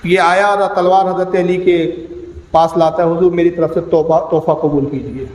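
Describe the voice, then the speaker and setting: A man's voice: a little high, steady tone, a little mellow. A man with a Pakistani accent preaching an emotional storytelling sermon, acting out the voices of the people in his story. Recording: echoey hall with faint hum.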